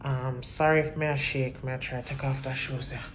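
A woman's voice: rumbling low, a little fast, heavy background noise. A woman in her thirties chatting casually to viewers as a vlogger, filming on a phone held at arm's length at home. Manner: chatty, relaxed, direct address to viewers. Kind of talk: casual vlog talk to camera. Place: apartment indoors.

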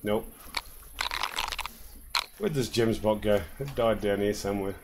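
A man from New Zealand streaming a hunting game, talking casually and relaxed with some "uh" fillers. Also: lowish voice, measured pace, background noise. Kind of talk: casual gameplay commentary.

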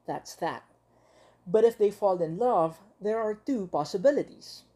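A woman teacher reading a picture book aloud to young children, expressive and full of dramatic pauses. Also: medium pitch.

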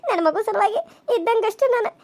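A wronged young pregnant wife from a village cartoon, as a woman plays her, wailing her reproaches through tears. Her voice sits extremely high. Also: a little fast, darkish tone. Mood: tearful. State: crying. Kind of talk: cartoon serial voice acting.

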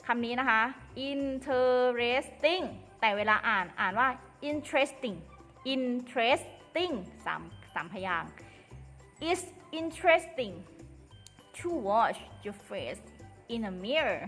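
A woman teaching an English lesson to children, explaining slowly and carefully and addressing them fondly. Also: fairly high pitch, sing-song, bright, forceful tone. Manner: slow, careful explaining, addresses pupils as "ลูก". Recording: long reverb with faint music.

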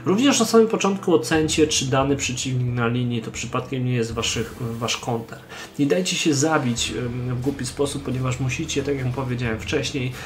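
A man's voice: mid-range voice, moderate pace, a little hiss or hum. A young man giving game tips in a voice-over, speaking straight to the viewer and urging them on with emphasis. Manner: emphatic, exhorting, addresses the viewer directly. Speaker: gaming channel host.

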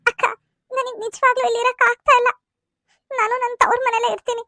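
A woman's voice: very high-pitched, fairly quick, fairly bright tone, dry recording, studio quality. A woman voicing a young bride and student in a cartoon serial, pleading and tearful as she complains. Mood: sad.

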